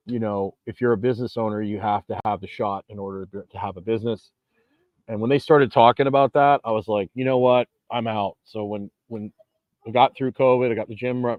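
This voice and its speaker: Out on a beach, a forties-aged man who vlogs and owns a gym delivers a casual, emphatic, rambling monologue, restarting often. His voice is lowish, and the lo-fi recording carries no room sound.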